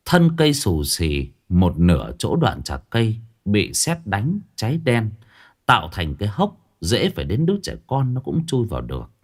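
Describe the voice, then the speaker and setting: A man narrates a ghost story in a folksy way. His pitch rises and falls in a lively way. He keeps a homely, storytelling tone. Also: moderate pace, husky.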